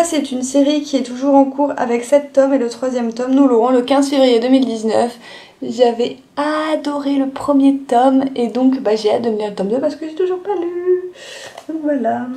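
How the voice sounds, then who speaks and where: A young woman with a high but mellow voice, talking through her manga haul in a loose, chatty way. She pads her sentences with little fillers and restarts as she goes. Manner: chatty, lots of "euh" and "du coup" fillers. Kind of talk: casual haul video chat.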